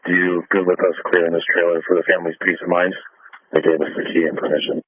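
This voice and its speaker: Deep-voiced officer over police radio. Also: male voice, flat delivery, quick pace, no echo. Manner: terse radio codes and call signs. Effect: police radio transmission. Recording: tinny dry radio transmission.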